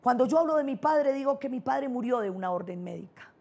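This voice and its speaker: Speaking briskly in a high, expressive, creaky and slightly mellow voice, this paisa-accented woman from Antioquia, Colombia, is a middle-aged neurolinguistic programming trainer and speaker. At a motivational conference, she recounts personal experiences emphatically and openly.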